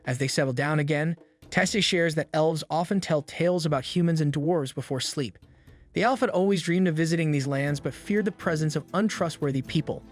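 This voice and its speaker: A man giving a steady, scripted narration of an anime plot recap, in an even storytelling delivery. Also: fairly high pitch, fairly quick.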